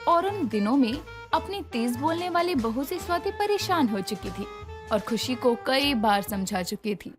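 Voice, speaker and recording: A woman narrating a moral story in a scripted, expressive way. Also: sits high, a little slow. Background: background music.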